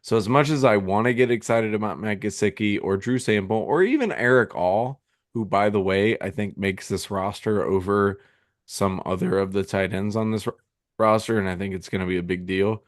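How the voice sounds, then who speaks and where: A man with a low voice, hiccuping as he talks sports in a loose, rambling way. He chats casually, full of ums and restarts, on a dry, close microphone. It sounds like a remote podcast call. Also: dry recording. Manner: rambling, filler-heavy, frequent restarts. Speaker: podcast co-host. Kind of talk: casual fantasy football chat.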